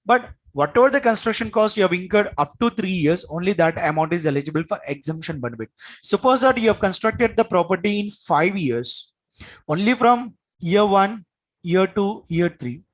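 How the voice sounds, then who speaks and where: A man's voice: sits high, lively intonation, moderate pace, poor audio. A man with an Indian accent giving a classroom lecture as an exam coach, in an emphatic, repetitive manner with frequent check-in questions.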